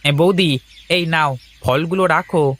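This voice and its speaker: A man's voice: a little high, fairly even intonation, normal speed, a bit bright. A man voicing a caring village neighbor who takes charge and reassures others in a cartoon story. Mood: reassuring. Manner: urgent, reassuring. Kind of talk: animated cartoon voice acting.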